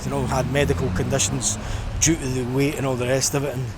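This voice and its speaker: A middle-aged Scottish vlogger walks along a busy seafront, rambling casually and reflectively to the camera in an informal, conversational way. His mid-range voice moves little in pitch and comes at a quick pace, with traffic and street noise around him.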